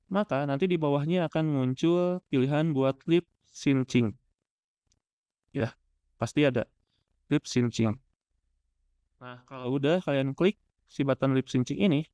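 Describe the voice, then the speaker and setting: A man's voice: fairly high pitch, darkish tone, clear, resonant tone, no room sound. A man teaching step by step as an instructor, in an informal, explanatory screen-tutorial style. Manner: informal, explanatory, checks in with listeners. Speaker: animation software instructor.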